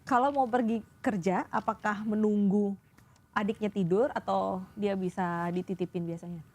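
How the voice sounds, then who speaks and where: A woman's voice: medium pitch, fairly even intonation, normal speed, darkish tone. A woman from Indonesia hosts a radio interview, asking questions and often murmuring short acknowledgments while her guest talks. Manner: responsive, many short "hmm" backchannels. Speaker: radio host.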